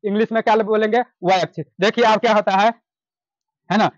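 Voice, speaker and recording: High-voiced man teaching, repeating every term. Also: fairly even intonation, fairly quick, dry recording, dull audio. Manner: asks a question then answers it himself, repeating key terms. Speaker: math teacher. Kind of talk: classroom lecture with call-and-response questions.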